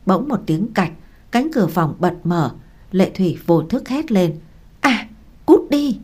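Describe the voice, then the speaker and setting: A woman narrates a story with a steady, even delivery. Her voice sits low and sounds warm and mellow. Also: unhurried, slightly rough.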